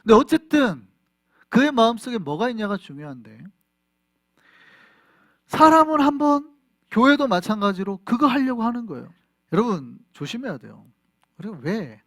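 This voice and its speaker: A man's voice: extremely high pitch, very animated, moderate pace, long pauses, no echo, studio quality. A middle-aged man, a pastor, preaching a sermon in a conversational way and often asking the congregation questions. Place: church in Flushing, New York.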